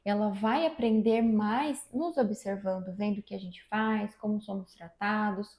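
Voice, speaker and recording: Mellow, measured mother giving advice. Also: medium pitch. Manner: measured, advice-giving, repeats key phrases. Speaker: mother and channel co-host. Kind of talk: casual parenting advice chat. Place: room at home. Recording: echoey room.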